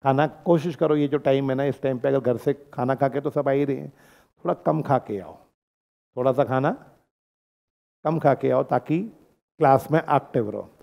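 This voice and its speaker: A man's voice: medium pitch, moderate pace, gravelly, pauses often, mellow. An Indian man teaching a classroom lecture, often stopping to check that the students have understood and mixing English terms into his speech.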